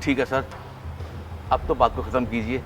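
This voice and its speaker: A man's voice: medium pitch, steady tone, normal speed, noisy background, close to an everyday voice. A man playing an elderly restaurant waiter who meekly apologizes and begs not to lose his job. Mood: pleading. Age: older. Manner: meek, apologetic, begging. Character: elderly male restaurant waiter, humble and pleading. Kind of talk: web short drama acting.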